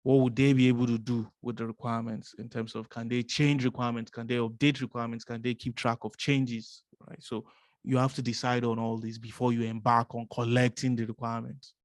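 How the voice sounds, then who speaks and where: A man's voice: mid-range voice, little pitch movement, brisk, no room sound, clean studio sound. A man teaching a business analysis course, explaining step by step, asking rhetorical questions and often adding "right?". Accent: non-American English.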